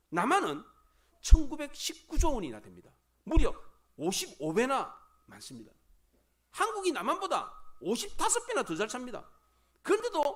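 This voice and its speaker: A middle-aged man preaching a Sunday sermon as pastor in a church, animated, rising and dropping for emphasis and acting out grumbling crowd voices. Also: extremely high pitch. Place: church sanctuary.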